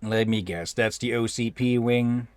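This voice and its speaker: A man hosting a let's play, giving casual commentary in a halting, rambling way. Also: mid-range voice, steady tone, a little hiss or hum. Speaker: gaming video host.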